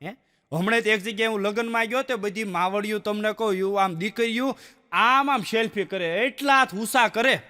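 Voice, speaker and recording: A man's voice: high-pitched, normal speed. A man telling folksy stand-up jokes to a laughing audience, acting out the people in his stories. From Gujarat, India. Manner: animated storyteller who acts out the people in his jokes. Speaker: stand-up comedian. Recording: long hall reverb.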